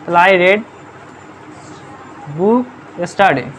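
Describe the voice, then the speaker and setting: Brisk classroom grammar teacher, quizzing. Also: medium pitch, lively intonation, a bit bright, slight background noise. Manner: quizzes students constantly, checking "understood?"; spells words letter by letter. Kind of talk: live classroom lesson in Bengali. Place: classroom with pupils present.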